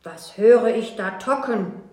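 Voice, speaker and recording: A woman's voice: mid-range voice, slow, warm tone, reverberant, close to an everyday voice. A woman voicing a kind man who lives at the edge of a forest, in a rhymed children's story, speaking in a friendly, raised voice. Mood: welcoming.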